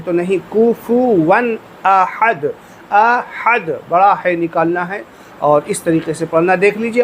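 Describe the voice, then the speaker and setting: Brief: male teacher, high voice, patient and repetitive, slow drawn-out demonstrations. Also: slight background noise. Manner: patient, repeats phrases slowly and drawn out for learners. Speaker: Quran recitation teacher. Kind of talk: instructional lesson with slow recitation.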